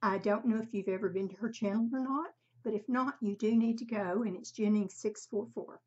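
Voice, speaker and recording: An older woman with a husky, breathy voice, giving a casual, halting craft demonstration at home in her craft room. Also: mid-range voice, a little mellow. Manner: halting, unhurried, conversational. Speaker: craft tutorial host. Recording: slightly dull, muffled sound.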